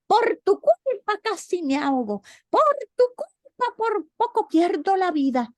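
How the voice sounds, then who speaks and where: A woman's voice: extremely high pitch, big pitch swings, unhurried, no room sound, voice pushed up, heavily acted, rough recording. A woman voicing a frantic female cricket wife in a storytelling performance, pleading and shrieking. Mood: angry scolding.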